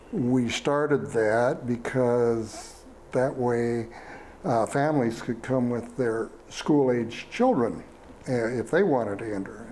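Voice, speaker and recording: Slow, halting older man in a studio. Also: mid-range voice, a little mellow, a little hiss or hum. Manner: slow, halting, many fillers and restarts. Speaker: fair department superintendent. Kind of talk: studio interview. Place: small TV studio. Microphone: lapel mic.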